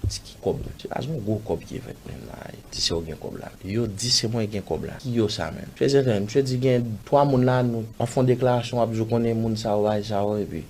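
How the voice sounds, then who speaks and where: Haitian-accented male interviewee, low voice, loose rambling storyteller who acts out every exchange. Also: a little fast, hardly any pauses, darkish tone, slight background noise. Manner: rambling, acts out dialogue, pepper of "bah" and "man". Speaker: interviewee telling a personal story. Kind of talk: casual spoken storytelling.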